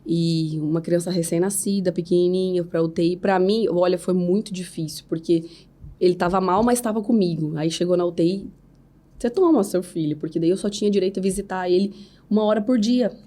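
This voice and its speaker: Earnest Brazilian woman with a mellow voice. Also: lowish voice, fairly even intonation, a little fast. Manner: earnest, faith-filled storytelling with frequent "né?" tags. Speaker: podcast guest. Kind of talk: emotional personal testimony.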